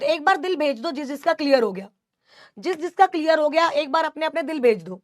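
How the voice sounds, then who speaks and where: A woman's voice: high voice, a bit bright, no echo, studio quality. A young woman teaching a live online class, mixing Hindi and English, affectionate yet scolding as she answers student doubts.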